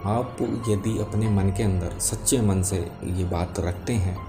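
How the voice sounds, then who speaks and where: A man speaking as a spiritual teacher, explaining devotional matters to viewers in a calm, gentle and patient way. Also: low-pitched. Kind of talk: spoken religious explainer to viewers. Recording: music behind the voice. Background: music.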